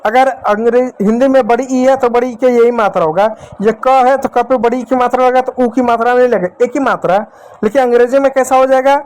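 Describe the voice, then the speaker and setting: A man's voice: very high-pitched, darkish tone, poor audio. A man teaching English spelling to students, asking questions and answering them himself. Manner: repetitive, asks questions then answers them. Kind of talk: classroom lesson at a board.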